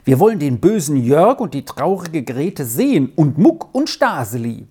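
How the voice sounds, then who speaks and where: A woman reading a storybook aloud, voicing an excitable, curious little girl who keeps bursting into exclamations. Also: deep voice, normal speed, breathy edge, full character voice. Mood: eager. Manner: breathless exclaiming.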